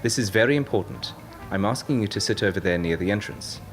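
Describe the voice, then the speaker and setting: A man's voice: fairly low pitch, lively intonation, fast, faint music behind, close to an everyday voice. A man doing a watchful, protective animal companion. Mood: urgent. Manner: urgent, warning, matter-of-fact. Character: calm, watchful male pet animal, protective guide. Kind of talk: audiobook narration.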